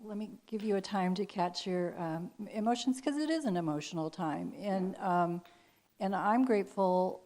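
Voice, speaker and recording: A woman's voice: mid-range voice, normal speed, darkish tone. A woman hosting a show and interviewing a guest, asking questions in an earnest, appreciative way.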